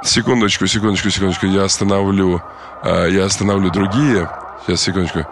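A man's voice: sits low, fairly even intonation, fast, noisy background. A man giving unscripted conversational commentary, emphatic and often repeating his words and phrases.

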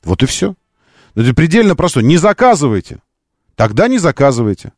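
A man's voice: on the high side, sing-song, a little fast, dry recording, studio quality. A man hosting a live call-in radio show, arguing insistently and repeating phrases for emphasis. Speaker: radio talk show host.

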